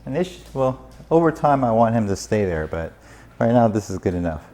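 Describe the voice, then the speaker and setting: A man's voice: on the low side, very animated, normal speed, dark tone. A man working as a dog trainer, patiently explaining training steps to a dog's owner. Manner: patient, instructive.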